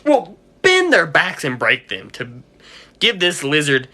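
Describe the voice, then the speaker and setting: Man, pet store owner, livestream rant, profane, heated, lively pitch, bright timbre. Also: measured pace.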